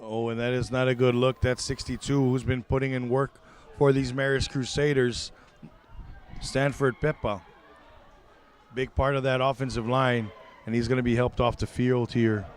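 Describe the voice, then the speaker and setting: A man doing live play-by-play for a high school football broadcast, excitable and quick to correct himself mid-call. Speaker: play-by-play commentator.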